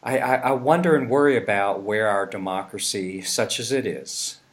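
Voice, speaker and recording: A middle-aged man from Virginia with a Tidewater accent, interviewing in an earnest, halting, searching conversational way. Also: fairly low pitch. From Virginia, United States. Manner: halting, searching, repeats words. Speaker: interviewer and dialogue host.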